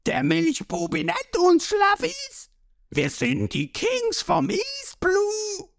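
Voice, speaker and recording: A man voicing rowdy, crude male pirate crewmen who yell in high screeching voices, in a read-aloud manga story. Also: huge pitch swings, slow pace, vocal fry, no room sound, full character voice.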